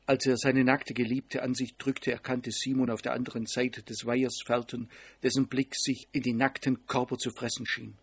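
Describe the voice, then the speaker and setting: Husky male audiobook narrator. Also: medium pitch, moderate pace, dry recording. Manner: steady, even storytelling.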